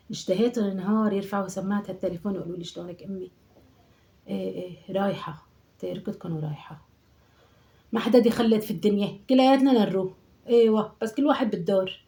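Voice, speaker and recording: Lightly acting in a fast, mellow, mid-range voice, a woman plays a fussing, chatty mother in her sixties from Aleppo for a comic monologue sketch. The nagging character scolds and mutters prayers in an Aleppo Syrian Arabic accent.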